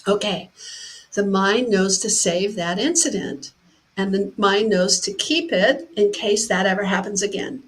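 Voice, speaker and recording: Woman, personal development speaker, slow deliberate pace, storytelling teaching talk. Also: medium pitch, poor audio. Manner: unhurried and explanatory, with vivid second-person scenarios.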